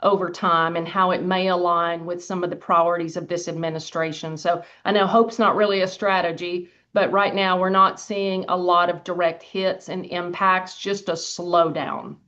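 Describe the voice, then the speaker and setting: Low-voiced older West Texas woman. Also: flat delivery, normal speed, few pauses, a bit bright. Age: 60s. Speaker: university official answering questions at a budget hearing. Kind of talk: informal spoken testimony. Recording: dull, lo-fi meeting audio.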